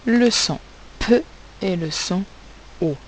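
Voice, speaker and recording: Slow, careful woman teacher. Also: lowish voice, darkish tone, slight background noise, low-quality recording. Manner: slow, careful, spelling out sounds and letters. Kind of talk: recorded phonics lesson for young pupils.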